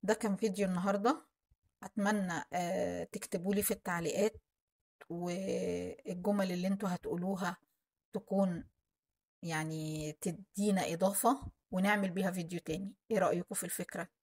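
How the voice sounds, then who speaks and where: A woman's voice: lowish voice, fairly even intonation, a little fast. A woman with an Egyptian Arabic accent giving earnest advice to viewers in a vlog, often restarting and hesitating mid-sentence. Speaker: channel host.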